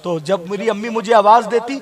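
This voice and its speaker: High-voiced man preaching an impassioned sermon. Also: brisk. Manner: emotional, repetitive, addresses the crowd directly. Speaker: Islamic preacher.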